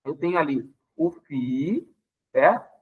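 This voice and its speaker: High-voiced man teaching, Pará accent. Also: slow, breathy edge, narrow, tinny audio. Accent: Paraense Brazilian Portuguese. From Pará, Brazil. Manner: explanatory, with frequent "tá?" check-ins; lively, acting out dialogue with playful exasperation. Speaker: Bible teacher. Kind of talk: Bible lesson explaining Greek words.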